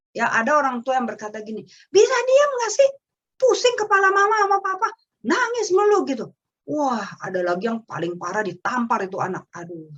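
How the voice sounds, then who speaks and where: A woman's voice: on the high side, fairly bright tone, husky, highs cut off. A woman giving a parenting webinar talk, explaining step by step and acting out what a parent might say to a child. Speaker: parenting speaker.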